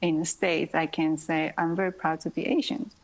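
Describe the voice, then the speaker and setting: Answering an interviewer's questions, this Japanese-born dancer in her thirties uses English as a second language, speaking softly amid frequent pauses and bits of laughter. She has a deep, creaky, animated voice, captured on a low-quality recording.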